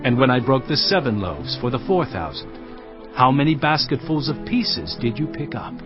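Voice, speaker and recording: An actor playing Jesus as a grave, earnest teacher with solemn, emphatic delivery in a dramatized audio Bible. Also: male voice, medium pitch, animated, moderate pace, lightly acted. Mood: exasperated, probing. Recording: dull sound under prominent music. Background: music.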